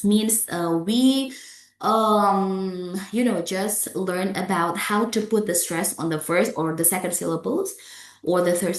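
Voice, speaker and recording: A woman with an Indonesian accent giving a pronunciation lecture, often checking in with "okay" and "yeah" and making small grammar slips. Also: mid-range voice. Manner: non-native grammar slips. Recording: roomy echo.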